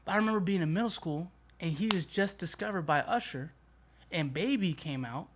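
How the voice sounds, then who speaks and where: A man hosting a motivational podcast, talking in an energetic, emphatic way with casual slang. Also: sits high, brisk, slight background noise. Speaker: podcast host. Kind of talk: motivational talk.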